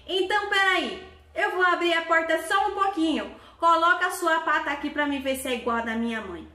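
Squeaky little goat kid, clever and careful, very high childlike voice, done by a woman, echoey room. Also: lively intonation, fairly quick, bright, forceful tone, full character voice. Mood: cautious. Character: small clever obedient young goat kid.

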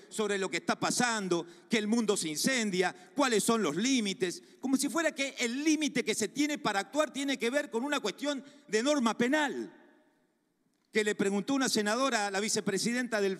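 An Argentine senator with an unusually high voice speaks with vehemence, hammering home his accusations by repeating phrases. His words ring out through a large chamber with a long reverb. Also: a bit bright. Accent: Argentine Spanish. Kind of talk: speech in a Senate committee hearing. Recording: reverberant hall sound.

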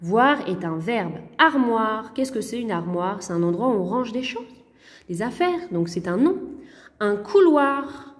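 A woman's voice: mid-range voice, sing-song, normal speed, long reverb tail. A woman teacher going over a lesson correction for young pupils, patient and careful, sounding words out syllable by syllable. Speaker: primary school teacher.

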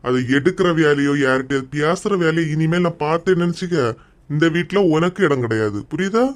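A strict, threatening father from a cartoon comedy, as an actor voices him, speaking with a Kanyakumari Tamil accent. He lectures and warns in a mid-pitched voice. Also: brisk, natural voice. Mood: stern scolding. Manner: scolding, threatening, then gently coaxing. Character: stern middle-aged father scolding his daughters.

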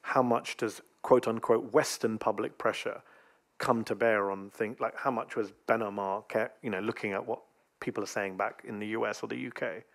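A man's voice: lowish voice, steady tone, moderate pace, gravelly. A man in his thirties with an English accent, moderating a conference panel with probing questions at a table microphone. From England.

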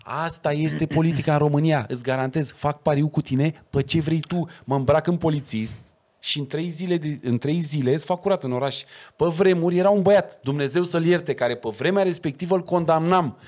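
Animated slangy man, higher voice. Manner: animated storyteller, slangy, acts out quoted dialogue. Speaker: guest. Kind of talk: casual podcast chat.

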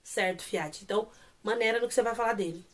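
Talking fast in a mid-range voice, this young Brazilian series reviewer, speaking with a Brazilian Portuguese accent, excitedly rehashes an episode and raves about it in a casual chat.

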